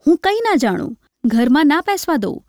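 A woman reading a story doing a blunt, fretting old mother who scolds and protects at once. The voice sits high and has a gravelly, creaky edge. It is heard up close and dry, as in a storybook reading. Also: sing-song, normal speed, darkish tone, no room sound. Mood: fretful.

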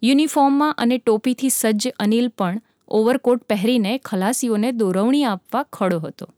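A woman's voice: a little high, normal speed, dark tone, dry recording, clean studio sound. Woman reading a sea story. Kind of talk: dramatic story narration.

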